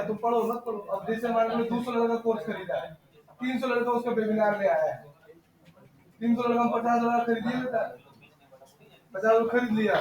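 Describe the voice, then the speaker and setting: In a small computer lab, a male instructor gives students brisk, scolding directions and wanders off into chatty side remarks in between. He has a very high-pitched voice.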